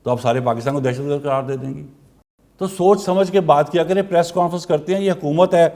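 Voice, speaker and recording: Guy ranting about politics, kinda high voice, lots of pointed questions. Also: darkish tone. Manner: pointed, rhetorical questioning, grows heated. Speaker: political commentary host. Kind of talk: political commentary monologue.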